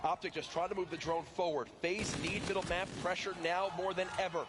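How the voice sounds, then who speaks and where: A man doing play-by-play esports commentary, excitable and building to shouts at big moments. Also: sits high, fairly quick, background noise. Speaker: esports caster.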